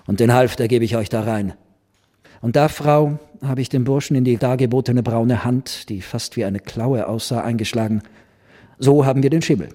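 A man reading a classic story aloud, acting out the dialogue with expression. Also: medium pitch. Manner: expressive, voices the characters. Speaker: reader. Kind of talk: literary reading with acted dialogue.

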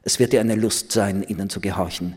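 A man reading a young woman's lines, playful yet grave and commanding, in a slow, serious, quietly insistent way. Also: lowish voice, slightly rough. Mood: earnest, commanding.

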